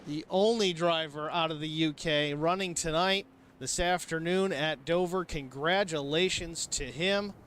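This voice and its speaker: A man calling a sim truck race as booth commentator, energetic and excitable in his play-by-play. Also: a little high, measured pace, slight background noise. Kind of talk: sim racing broadcast commentary.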